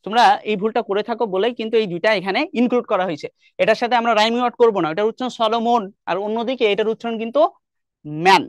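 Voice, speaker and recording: A young man with a Bangladeshi Bengali accent teaches an online English class, explaining step by step and frequently quizzing his students. His voice is high-pitched and racing, in a dry recording.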